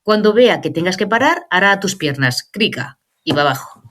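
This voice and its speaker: Woman, 40s, psychologist guest, chatty, lively, checks in often. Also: lowish voice, moderate pace. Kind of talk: casual podcast interview.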